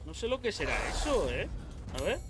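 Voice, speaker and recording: A man's voice: high voice, very animated, normal speed, over music. A young man from Spain, doing horror game commentary, swearing and yelping when startled. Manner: jumpy, swears a lot, yells when startled. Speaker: gaming YouTuber.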